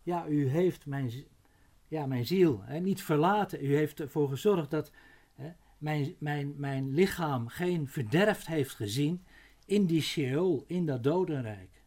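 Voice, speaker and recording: Mellow-voiced man preaching a sermon. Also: a little high. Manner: unhurried, often slowing to stress words, with frequent "hè" and restarts. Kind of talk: sermon, Bible exposition.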